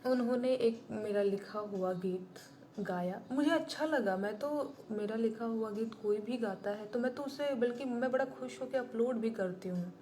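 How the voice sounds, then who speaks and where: A woman's voice: on the high side, moderate pace, warm tone, a little hiss or hum. A woman singer-songwriter talking bluntly and indignantly to her viewers on a live stream. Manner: blunt and indignant, plain-spoken.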